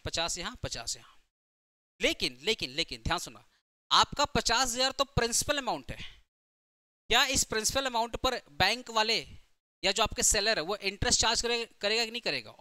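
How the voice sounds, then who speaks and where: A man's voice: sits high, sharp tone, no room sound. A man teaching accountancy in a recorded lecture, speaking with terms, repeating points and asking his class questions.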